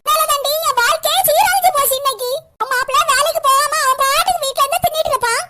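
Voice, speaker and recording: Shrill furious cartoon wife with a Kanyakumari accent. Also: fast talker, sharp tone, heavily acted. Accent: Kanyakumari Tamil. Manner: shrill, scolding. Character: hot-tempered betrayed elder sister and wife.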